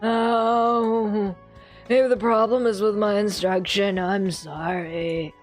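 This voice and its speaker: A woman puts on the voice of a very old man, a gentle teacher from a visual novel. He is timid and easily disheartened. His delivery is hesitant and mournful. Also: medium pitch, fairly even intonation, slow pace, soft background music, natural voice. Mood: dejected. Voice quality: very old man's voice. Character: sleepy, timid male teacher with old man voice, frail, gloomy. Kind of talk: visual novel character reading.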